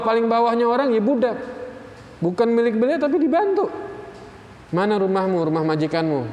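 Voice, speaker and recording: A man giving a religious lecture, telling a story in an animated, conversational way and speaking directly to his listeners. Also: high voice. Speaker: religious teacher. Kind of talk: sermon with storytelling. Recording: echoey hall, faint room noise.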